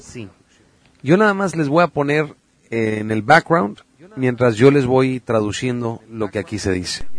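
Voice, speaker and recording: A man's voice: mid-range voice, unhurried. A man, talking earnestly on a podcast, telling stories with many filler sounds. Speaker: podcast guest speaker on religion and UFOs. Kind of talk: casual podcast talk.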